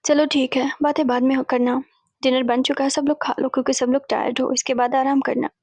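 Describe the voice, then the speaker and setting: High flat-toned woman retelling a story. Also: brisk, dry recording. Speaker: fanfiction narrator. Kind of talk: casual storytelling recap.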